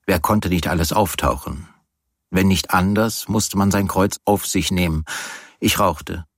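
A man reads a literary novel aloud in calm, measured first-person narration. His voice is very deep with a husky grain. The sound is close and completely dry. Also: no room sound. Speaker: audiobook narrator.

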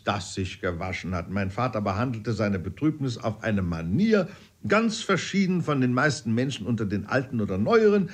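A man reading a classic novel aloud in a wry storytelling manner. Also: medium pitch. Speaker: audiobook reader. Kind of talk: literary narration.

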